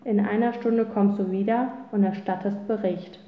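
A woman's voice: medium pitch, steady tone, moderate pace, lightly acted. A woman reading a storybook and voicing a clever boy who hands out verdicts like a schoolmaster. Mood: decisive. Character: bossy clever boy who grades others. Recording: roomy, tinny phone-like sound.

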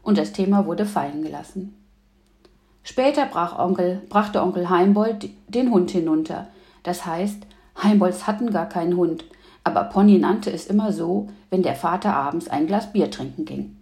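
A woman narrating a children's book in a calm storytelling manner. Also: lowish voice, moderate pace, roomy sound. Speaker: audiobook reader. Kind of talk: scripted narration.

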